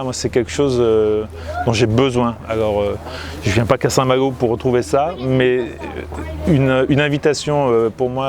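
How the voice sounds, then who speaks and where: A comic book artist from Italy and Grenoble, France, chats casually to camera while walking the streets and ramparts of a seaside town. He sounds hesitant, pausing often with fillers and restarts. His voice is medium-pitched with a darkish tone.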